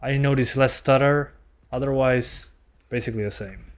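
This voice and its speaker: A man's voice: mid-range voice, fairly even intonation, moderate pace. A man doing casual gameplay commentary as a streamer, chatting with his viewers as he plays. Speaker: game streamer.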